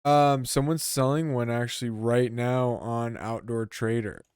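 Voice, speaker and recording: Smooth-voiced young man, laid-back podcast chat. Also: mid-range voice, unhurried, darkish tone, no room sound, studio quality. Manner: laid-back, swears freely, reads questions aloud. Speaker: podcast co-host. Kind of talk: casual chat.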